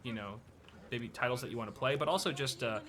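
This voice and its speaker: A young American man with a mid-range voice talks fast while hosting a casual live stream, with background noise audible. He chats loosely, using lots of filler words as he gives advice.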